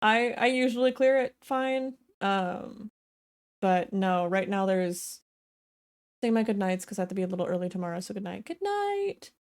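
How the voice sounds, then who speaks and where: A woman's voice: mid-range voice, steady tone, normal speed, clean tone. A young woman streaming a game, chatting casually and giggling as she talks to her chat. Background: faint game music.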